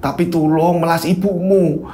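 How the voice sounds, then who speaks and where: A man voicing a poor, hardworking father who talks high and strained. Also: fairly even intonation, moderate pace, mellow, natural voice. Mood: pleading. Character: hardworking poor father, furious then frail.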